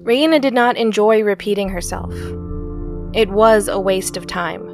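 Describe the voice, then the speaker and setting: Calm woman narrating a story. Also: medium pitch, moderate pace, faint music behind.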